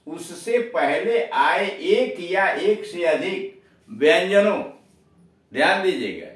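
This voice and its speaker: धीमे बोलने वाला पुरुष शिक्षक, गूँजता कमरा. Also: male voice, fairly high pitch, far from the mic. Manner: slow, explains rules step by step, spells words letter by letter. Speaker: English teacher. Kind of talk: spoken grammar lesson. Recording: echoey room, voice off-mic.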